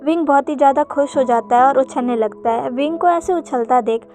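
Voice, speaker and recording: A woman retelling a fanfic story in steady, plain narration. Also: high voice, a little fast, soft background music.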